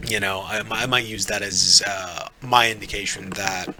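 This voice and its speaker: A man's voice: lowish voice, steady tone, normal speed, a crowd in the background. A man hosting a live trading stream, casually thinking aloud through charts with lots of fillers and restarts. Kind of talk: live forex chart walkthrough. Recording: noisy live stream audio.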